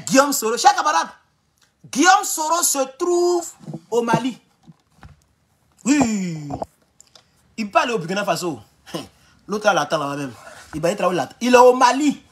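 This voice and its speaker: A man with an Ivorian French accent, speaking loudly and mockingly in a rambling live stream from his home, talking straight into his phone with no external mic. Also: high voice, slight background noise. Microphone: phone without external mic.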